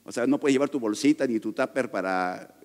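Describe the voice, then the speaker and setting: A man's voice: mid-range voice, darkish tone. A man preaching a sermon as pastor, emphatic and conversational, with joking asides to his congregation. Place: church sanctuary. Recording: reverberant church hall.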